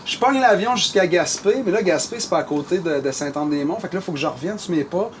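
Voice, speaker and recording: A man with a Québécois French accent tells a story in relaxed conversation. His voice sits high, and he rambles with plenty of fillers and restarts. A faint ambient hum runs underneath. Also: quick pace. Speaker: musician telling a story. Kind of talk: casual storytelling chat.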